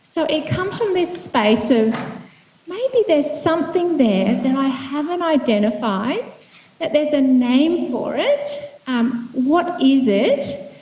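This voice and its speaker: Woman psychiatrist from Vietnam, fairly high voice, echoey lecture hall, dull lo-fi sound, thoughtful, conversational. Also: mellow. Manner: thoughtful, conversational, with frequent fillers and restarts. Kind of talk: conference presentation. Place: lecture room.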